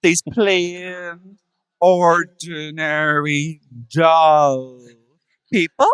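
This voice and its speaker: A camp man with a Northern Irish accent, a drag performer, fires off sharp-tongued quips on a live podcast. His voice sits a little high and is recorded dry and close. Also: flat delivery, drawn-out words, smooth, no echo. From Northern Ireland.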